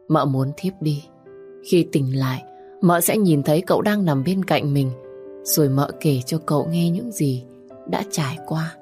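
Low-voiced woman narrating a story. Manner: steady, somber storytelling.

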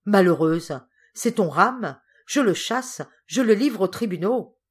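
A woman's voice: lowish voice, expressive, normal speed. A woman playing an angry stern uncle. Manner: agitated, indignant.

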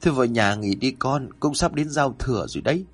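A man's voice: lively intonation, brisk, gravelly, husky. A man voicing an anxious middle-aged mother who frets over her injured son in a ghost story. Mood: worried. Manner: shrill, anxious. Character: frantic middle-aged mother, worried and fearful.

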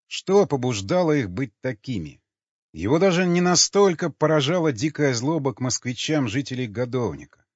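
A man reading an audiobook in a steady, measured narration. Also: medium pitch, no echo. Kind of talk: scripted narration. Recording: dull lo-fi audio with faint music.

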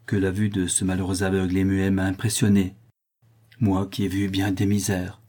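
A man voicing a calm, kindly asylum doctor in an audiobook, speaking in a measured way. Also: deep voice, husky. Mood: concerned. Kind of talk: audiobook character voice.

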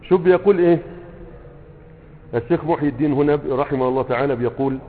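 A man's voice: on the high side, fast, slight background noise. A man with an Egyptian Arabic accent teaching a grammar text, explaining step by step and checking that students follow. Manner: explains step by step, checking understanding with repeated "okay?". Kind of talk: classroom lecture reading and explaining a grammar text. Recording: tinny phone-like sound in a reverberant hall.

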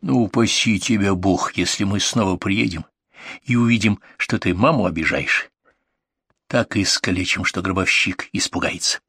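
A man voicing a burly male paramedic who threatens in a low, hissing voice, in an audiobook. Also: normal speed, fairly bright tone, husky, dry recording, clean studio sound, exaggerated voice. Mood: menacing.

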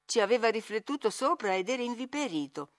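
A woman narrating a classic novel as an audiobook reader, measured and expressive. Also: a little high.

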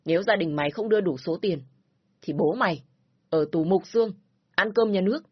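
A woman voicing a hostile, shouting middle-aged man in a spoken story, with a husky voice. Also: on the low side, a little fast, no room sound, lo-fi sound. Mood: furious. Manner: shouting, threatening.

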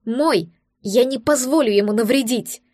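A fierce young pregnant heroine, voiced by a woman reader in a fairly high, close and dry voice. She speaks in sharp, protective outbursts. It is an audiobook heroine with a fiery temper. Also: normal speed, no echo, natural voice. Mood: furious.

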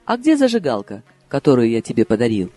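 A man reading a novel aloud and voicing a sly, tender secretive lover who speaks softly and confidingly. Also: mid-range voice, wildly swooping pitch, fast, dry recording, faint music behind, voice pushed down. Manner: soft, intimate, confiding.

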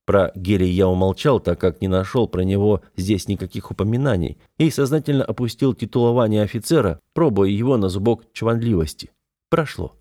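A man narrating an adventure novel in first person, steady and storytelling. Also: on the low side, fairly quick. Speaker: audiobook narrator.

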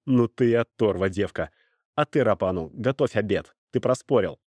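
A man's voice: fairly low pitch, animated, moderate pace, darkish tone, no room sound. A man voicing a young guard who talks bluntly and plainly. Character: rough young male guard, blunt and amused.

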